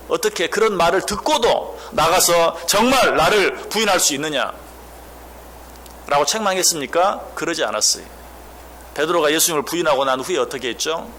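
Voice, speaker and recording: Preacher: male pastor, somewhat high voice, sermon delivery with rhetorical questions, faint church room noise. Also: a bit bright. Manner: asks the congregation questions, acts out quoted speech.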